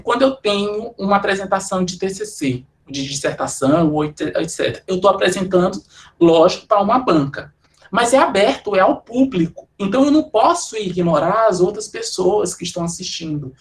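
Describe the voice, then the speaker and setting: A middle-aged Brazilian man giving a lecture to students, speaking conversationally and often tagging his sentences with quick checks and restarts. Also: high voice. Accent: Brazilian Portuguese. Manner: conversational, frequent "né" tags and restarts. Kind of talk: academic talk to students.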